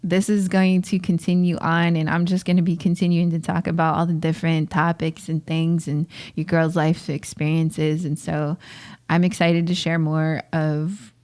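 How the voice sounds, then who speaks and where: A young woman with a fairly low voice talks straight to her listeners in an unscripted motivational monologue. She speaks in easygoing slang, laughs often and keeps urging them not to be discouraged. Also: flat delivery, normal speed, a little mellow. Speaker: podcast host.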